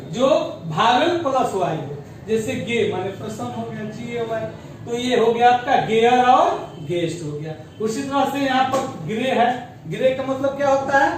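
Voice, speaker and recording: Male teacher, high voice, patient syllable-by-syllable explainer, distant mic in a very roomy classroom. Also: a little hiss or hum. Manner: explains slowly, spells out words syllable by syllable; mixes English terms into Hindi. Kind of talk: grammar lesson. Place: school classroom. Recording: very echoey room, voice off-mic.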